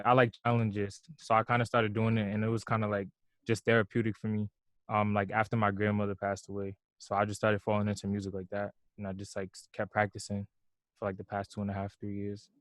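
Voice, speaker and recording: A young man speaks low and nearly monotone, filling his answers with "like" and "um." He talks softly and a little hesitantly as a guest in a relaxed interview. The sound is dry and close, with no room around it. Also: no echo. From Brooklyn, New York. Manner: soft-spoken, lots of "like" and "um". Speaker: guest musician and fashion designer. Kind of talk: casual interview.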